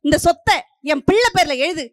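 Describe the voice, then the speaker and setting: A woman's voice: very high-pitched, animated, brisk, dry recording, clean studio sound. A middle-aged woman from Puducherry giving a stage debate speech, declaiming in rhythmic parallel lines and pressing her point. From Puducherry, India. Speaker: debate speaker.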